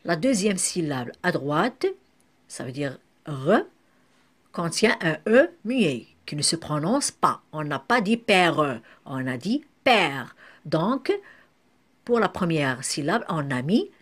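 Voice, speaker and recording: A woman teaching French spelling in a slow classroom manner, breaking words into syllables and sometimes correcting herself. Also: deep voice, very animated. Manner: spells out syllables one by one, with occasional self-corrections.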